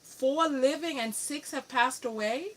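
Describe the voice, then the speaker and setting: A New York City woman with a New York accent speaks a little slowly in a high, fairly bright voice over poor audio. A radio show host and relationship coach, she runs a live coaching call and presses a caller with firm questions.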